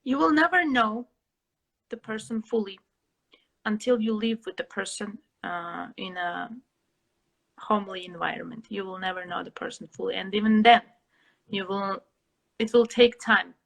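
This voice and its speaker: A young woman from Russia, an interview guest who answers thoughtfully, pausing to find her words. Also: medium pitch, steady tone, vocal fry, a bit bright, poor audio. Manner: reflective, pauses to find words.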